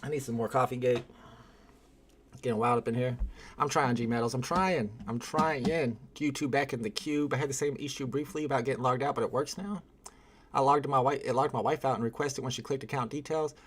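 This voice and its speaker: A man's voice: medium pitch, fairly even intonation, fast talker, slight background noise. A man hosting a casual live stream, reading viewer comments aloud, rambling and exasperated and laughing often. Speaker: livestream host.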